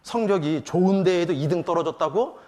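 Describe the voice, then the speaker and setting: A middle-aged man speaking at a parents' seminar at church, in a lively talk full of acted-out family quotes. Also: high-pitched, a little fast. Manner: animated, mimics children and parents, frequent laughter from the room.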